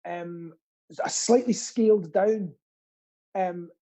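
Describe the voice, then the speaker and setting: Taking his time, a man with a mellow, high-sitting voice chats casually as a guest. He works as a pantomime actor and theatre stagehand, and his talk is earnest and meandering with a self-mocking streak.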